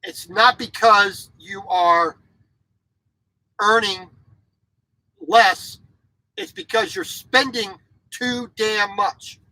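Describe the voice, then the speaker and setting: A man in his forties who drives a truck and grew up in Japan as a military kid vlogs from his sleeper cab, giving a blunt, opinionated, casual monologue with lots of restarts and repeated words. He talks extremely slowly with frequent pauses, his high-pitched voice expressive, pushed, and bright. There's no room sound on this rough recording.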